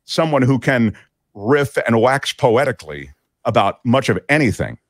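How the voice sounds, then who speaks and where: Casual male host, fairly low and very animated, dry booth sound, loose digressive delivery. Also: normal speed, no echo. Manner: chatty, digressive, many fillers. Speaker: talk show host. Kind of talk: casual political commentary.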